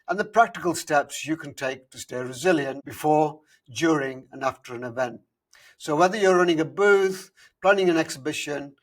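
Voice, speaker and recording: A man hosting a podcast, reading an upbeat scripted intro and then chatting casually with his guest, filling pauses with "uh.". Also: a little high, a bit bright, slightly rough. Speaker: podcast host.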